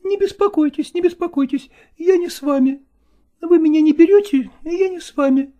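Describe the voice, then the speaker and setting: A woman's voice: very high voice, a little fast, mellow. A woman voicing a stubborn young novice actress in an audiobook drama, insistent and pleading.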